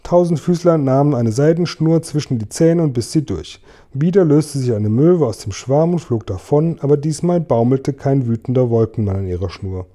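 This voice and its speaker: A man reads a children's book aloud in a steady, plain storytelling voice. His tone is very dark and mellow, at an ordinary middle pitch. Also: normal speed. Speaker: reader.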